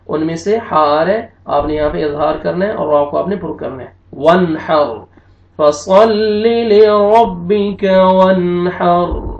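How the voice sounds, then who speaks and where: A man's voice: fairly high pitch, vocal fry. A man teaching a Quran recitation lesson, patiently explaining pronunciation rules step by step and spelling out each word. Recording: dull lo-fi sound, roomy echo.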